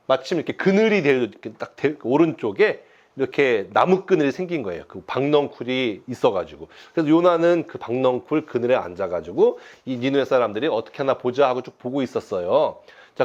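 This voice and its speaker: A man in his thirties, a pastor giving a lively children's sermon from his home, speaking to the kids with playful storytelling. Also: medium pitch, muffled recording. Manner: animated storytelling to children, acting out quotes.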